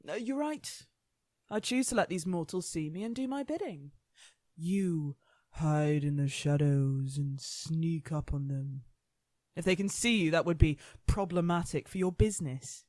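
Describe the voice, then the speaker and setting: A woman's voice: deep voice, measured pace, warm tone, no echo. A woman playing War, a gleefully menacing, smug immortal gang boss with a taunting, sweary manner, in a radio play. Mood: smug, sly.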